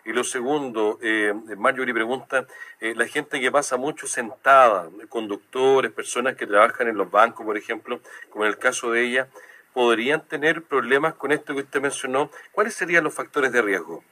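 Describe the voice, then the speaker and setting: A man's voice: mid-range voice, normal speed, pushed and bright. A man hosting a radio interview, asking hesitant questions with many "eh" fillers and reading out listeners' questions. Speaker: radio host.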